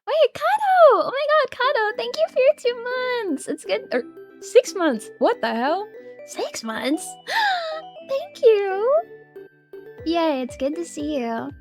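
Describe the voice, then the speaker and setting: Young female VTuber, casual stream chat, excitable, laughs a lot, swears, lively pitch swings. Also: takes it slowly, faint music behind. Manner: excitable and giggly, swears freely.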